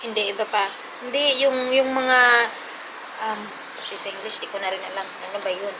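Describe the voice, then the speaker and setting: A woman's voice: medium pitch, moderate pace. A woman with a Filipino accent chatting casually over coffee, telling stories animatedly. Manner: chatty, animated storytelling with laughs and acted quotes. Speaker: vlogger chatting about learning German. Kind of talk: casual chat. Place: outdoors on a balcony with birds around. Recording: loud background noise.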